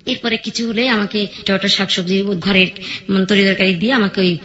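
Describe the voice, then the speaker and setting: A woman tells her life story as a radio guest. She is lively and acts out the voices of the people in it. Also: mid-range voice, brisk, highs cut off.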